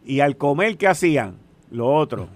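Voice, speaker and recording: An older Puerto Rican man in his sixties, chatting and telling stories. His voice sits a little high for a man. He is animated and keeps tossing questions to the listener. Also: normal speed, no room sound. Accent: Puerto Rican Spanish. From Puerto Rico. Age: 60s. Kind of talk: casual storytelling chat.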